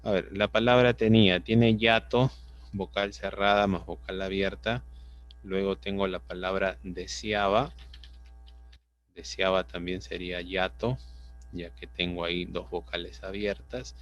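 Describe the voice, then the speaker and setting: A man's voice: low voice, little pitch movement, a little slow. A man with a Peruvian Spanish accent teaching an online class, explaining patiently and often checking understanding with tag questions. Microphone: computer mic on a video call. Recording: dull lo-fi video call audio.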